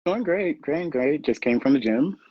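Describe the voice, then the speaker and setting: Laid-back Bahamian-born man, husky, lo-fi dry call sound. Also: a little high, animated, normal speed, dry recording. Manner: easygoing, laughs often. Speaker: guest contestant. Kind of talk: casual chat.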